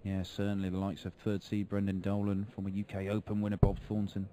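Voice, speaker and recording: A man's voice: fairly low pitch, completely flat delivery, quick pace, warm tone, slight background noise. A man giving live darts commentary in a colloquial way, reacting to each throw. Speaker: sports commentator.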